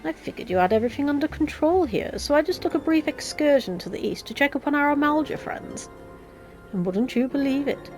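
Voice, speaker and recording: A woman's voice: sits high, lively intonation, a little fast, darkish tone, soft background music, voice pushed up. A woman voicing a breezy, chatty male adventurer, reading fantasy game dialogue with jaunty theatrical flair. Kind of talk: video game dialogue read aloud.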